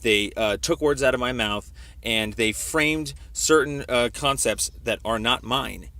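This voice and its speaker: A complainant rings police internal affairs and argues his case, talking over the other party and hammering the same points again and again. His voice is mid-range with a sharp edge, and his pace is a little slow.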